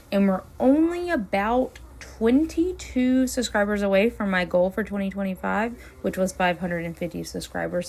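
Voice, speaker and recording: A realtor who hosts a neighborhood tour channel chats casually from behind the wheel, her lowish, slightly mellow voice gravelly and hoarse as it gives out. She keeps the driving-tour vlog talk friendly, chatty and upbeat like a sales pitch.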